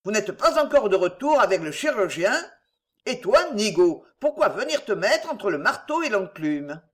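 A woman voicing an irascible rich old gentleman who scolds and blusters angrily. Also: mid-range voice, big pitch swings, normal speed, natural voice. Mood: agitated.

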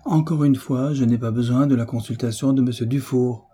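A man's voice: medium pitch, brisk, warm tone, slightly rough, close to an everyday voice. A man reading an audiobook, voicing an impatient, sullen teenage boy who answers curtly and irritably. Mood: exasperated. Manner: curt and irritable. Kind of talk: audiobook character voice.

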